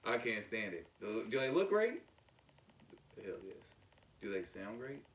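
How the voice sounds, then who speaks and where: A man co-hosting a podcast in casual chat, with loud, laughing, profane banter. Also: on the low side, very animated, a little slow. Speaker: podcast co-host. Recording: echoey room, mic at a distance, faint noise.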